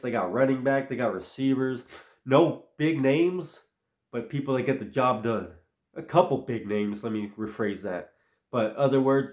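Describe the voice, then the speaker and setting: His mid-range voice carries a roomy sound, and his nose is stuffy from illness. As host of his own sports channel, he offers rambling, opinionated football takes in casual solo commentary, talking in loose runs.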